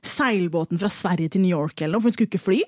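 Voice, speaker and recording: A young woman, a comedian, telling stories in an animated way on a casual podcast, laughing often. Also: lowish voice, no room sound, clean studio sound. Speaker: comedian guest.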